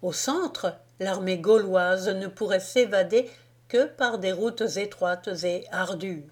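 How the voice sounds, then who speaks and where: A woman reading a historical novel aloud in a slow, measured narration. Her pitch sits mid-range and her delivery stays deliberate and even. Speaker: audiobook narrator.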